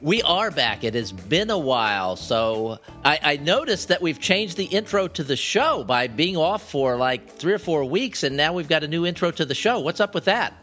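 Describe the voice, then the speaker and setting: Casting: upbeat male podcast co-host, a touch higher voice, chatty. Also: big pitch swings, normal speed, few pauses, fairly bright tone, soft background music. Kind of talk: casual podcast chat.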